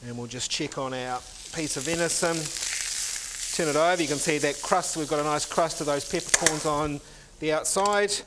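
A man's voice: on the high side, moderate pace, noisy background. Middle-aged male chef explaining step by step. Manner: steady step-by-step explaining while working, with filler ums. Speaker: chef and cooking instructor. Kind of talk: cooking demonstration. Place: indoor teaching kitchen.

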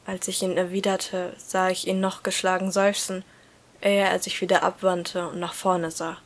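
A woman reading a novel aloud in first person, in a steady, even storytelling manner. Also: fairly low pitch, moderate pace. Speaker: story reader.

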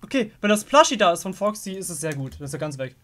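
A man's voice: high voice, sing-song, quick pace, a bit bright. German man, young adult, let's play commentary, jumpy, mutters and yelps. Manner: jumpy, talks to the game characters, mutters under breath. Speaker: gaming video host.

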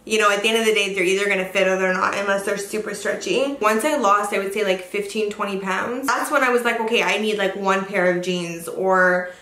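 A young woman chatting while doing her makeup, earnest and gushing, slipping into quiet asides to herself. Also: medium pitch, steady tone, a little fast, few pauses, reverberant. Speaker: beauty vlogger. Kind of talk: chatty get-ready-with-me makeup tutorial. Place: bright room, seated on a sofa indoors.

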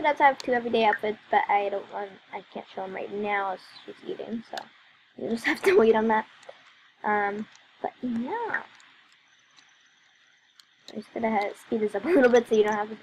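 A woman talks her way through a game in a loose, rambling style, full of fillers and apologies. Her voice sits a touch high and carries a gravelly fry, worn down from a long day of talking. A faint hiss runs underneath. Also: rough recording. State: voice wearing out from talking all day. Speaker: let's play commentator. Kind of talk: casual gameplay commentary.

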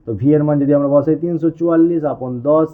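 Male physics teacher, quick classroom delivery, fires questions at students and answers them, tinny lo-fi audio. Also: fairly high pitch, steady tone. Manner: addresses students informally. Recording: tinny, phone-like sound.

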